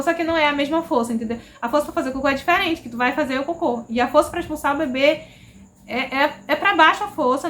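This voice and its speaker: A woman's voice: high voice, fairly bright tone, slight background noise. A Brazilian woman vlogger casually telling a personal story, chatty and repetitive, often checking in with "entendeu?". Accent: Brazilian Portuguese. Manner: chatty, repeats herself, frequent "entendeu?".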